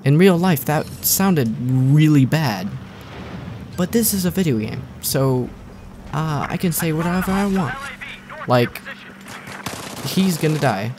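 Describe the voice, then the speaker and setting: A man's voice: fairly high pitch, lively intonation, slow pace, long pauses. A young man giving casual, joking, rambling commentary over his own gameplay, often sarcastic. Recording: faint gunfire and game noise behind.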